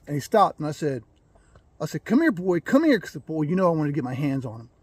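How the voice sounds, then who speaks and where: A man's voice: fairly high pitch, fast, no room sound. Folksy man telling a yard story. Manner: rambling, folksy, clears throat often. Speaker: gamefowl breeder. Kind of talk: casual storytelling.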